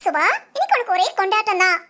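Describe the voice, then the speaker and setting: A woman's voice: extremely high pitch, animated, fast talker, a bit bright. A woman playing a playful young wife who chats to herself with giggly asides in a village family comedy drama. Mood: mischievous. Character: playful young wife scheming to get her husband drunk.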